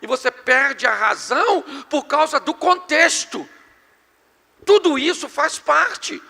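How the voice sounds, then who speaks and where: High, gravelly pastor preaching in a hall. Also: male voice, slow. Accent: Brazilian Portuguese. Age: middle-aged. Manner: animated, joking with the congregation. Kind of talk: sermon on marriage and communication. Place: church hall before a live congregation. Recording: long hall reverb.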